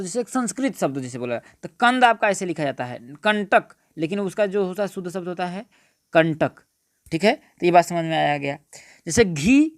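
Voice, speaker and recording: A male teacher with a high-sitting voice gives an exam-prep grammar lesson, recorded dry with clean studio sound. He repeats his points and keeps asking his friends rhetorical questions like "what is it, friends?"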